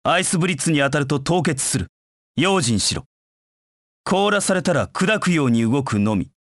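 A man's voice: on the high side, animated, normal speed, no echo, clean studio sound. An actor playing a proud, cold hedgehog knight in a Japanese video game, curt and disdainful in his delivery. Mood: cool, watchful. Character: proud, cold anthropomorphic hedgehog knight, a brooding young male rival.

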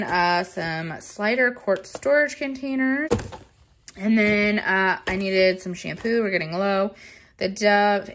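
A woman's voice: on the low side, a bit bright. A young woman chatting casually through a grocery haul, rambling with many fillers, filmed at home on a phone. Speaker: vlogger. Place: home kitchen counter.

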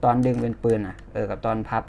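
A man's voice: fast, dark tone, a little hiss or hum. A Thai-accented man talking casually as he demos and reviews a toy, pointing things out as he goes. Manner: chatty, hands-on, pointing things out.

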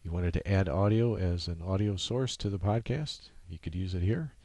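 The narrator of this screen-capture tutorial is a man with a low, warm voice who speaks casually and off the cuff, pausing haltingly between steps. His software walkthrough is recorded on a USB microphone, sounding dry with no echo or room.

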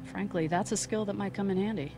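An actress with an American accent playing a blunt, suspicious young reporter in a video game, confrontational in manner. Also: female voice, mid-range voice, fast, music in the background, lightly acted. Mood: accusing. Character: blunt, pragmatic, suspicious female news reporter. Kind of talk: dramatic video game acting.

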